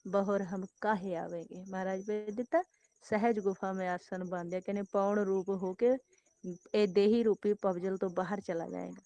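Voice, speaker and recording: A woman delivers a devotional sermon in a steady mid-range voice. She chants scripture in slow, drawn-out lines and builds emphasis through repetition. The sound is dry and close, with faint crickets behind her. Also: mid-range voice, no echo. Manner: repetitive, rising emphatic exhortation. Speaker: Sikh preacher giving katha.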